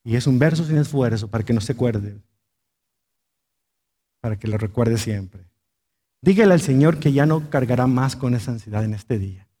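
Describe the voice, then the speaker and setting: A man's voice: medium pitch, expressive, normal speed, pauses often, mellow. A male pastor preaching a sermon, emphatic, with rhetorical questions and repeated exhortations.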